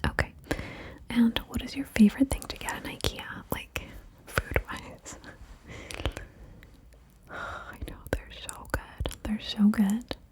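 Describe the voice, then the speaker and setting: Softly whispering playful woman. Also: fairly high pitch, steady tone, takes it slowly, pauses often. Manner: whispered, playful, chatty, swears casually. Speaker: ASMR creator. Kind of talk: ASMR whispering. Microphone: stereo mic, left and right ears.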